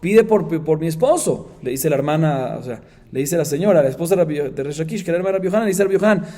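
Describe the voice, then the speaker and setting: A man teaching a Talmud class as a rabbi, telling the story with lively repetition and questions to his students. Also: a little high, racing. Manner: animated storyteller, asks students rhetorical questions; repeats phrases for emphasis. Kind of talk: Talmud class, reading Aramaic and explaining.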